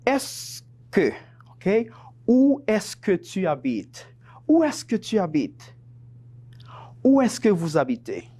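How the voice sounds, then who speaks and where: A man teaching a lesson on television, his pitch rising and falling with a lot of movement. He talks slowly and patiently, repeating each example as he goes back and forth between French and Spanish. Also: huge pitch swings, mellow, breathy edge.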